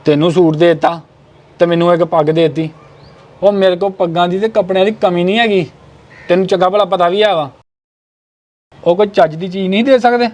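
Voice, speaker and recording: Brief: high-pitched man, sharp and demanding, family short-film acting. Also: steady tone, fairly quick, long pauses. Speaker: angry brother-in-law.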